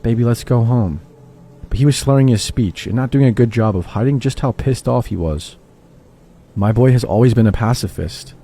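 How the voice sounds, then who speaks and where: A man giving a steady, scripted first-person narration of a true horror story. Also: medium pitch, fairly quick, slight background noise.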